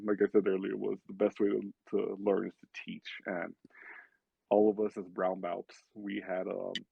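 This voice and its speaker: Low gravelly guy, husky, rambling story, sounds like a phone line. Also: dry recording. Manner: rambling, with many restarts and filler words. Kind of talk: casual storytelling.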